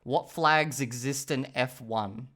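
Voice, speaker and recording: Speaking slowly in a mid-range, slightly bright voice, a man hosts a laid-back talking-head video about his language learning. He rambles along in a chatty way and frequently stops to check in with whoever is watching.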